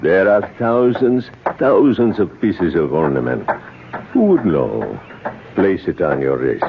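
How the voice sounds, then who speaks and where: An actor playing a grieving native man in a radio drama, outwardly polite and secretly vengeful, speaking in slow, deliberate, formal phrases. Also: low voice, sing-song, creaky, exaggerated voice. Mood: solemn, persuasive. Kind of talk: 1970s radio drama acting. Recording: noisy, dull old radio broadcast.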